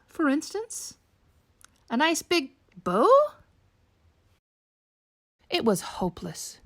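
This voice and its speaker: A teacher reads a picture book aloud as a bedtime story for young children, her high, lively voice swooping through the sentences at an unhurried pace. The narration is slow and expressive, and the sound is dry and close.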